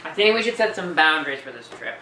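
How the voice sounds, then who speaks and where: Comedy series: a man as a sarcastic, teasing young guy with dry mocking wit, a bright tone, in a roomy space. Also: on the high side, sing-song, fast talker, far from the mic, slight background noise, full character voice. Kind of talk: comedy web series acting. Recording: roomy echo, heard from off the mic.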